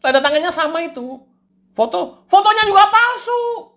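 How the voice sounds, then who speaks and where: A woman's voice: very high-pitched, animated, moderate pace, a bit bright, lo-fi sound, voice pushed up, exaggerated voice. A woman voicing a bossy, coaxing male devil who tempts people. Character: high-pitched scheming male devil tempter.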